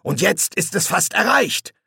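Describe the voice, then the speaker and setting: A man voicing a smug, menacing senior male demon who speaks slowly and gloats. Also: sits high, expressive, gravelly, sharp tone, breathy edge, dry recording, studio quality, voice pushed up, full character voice. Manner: slow, gloating.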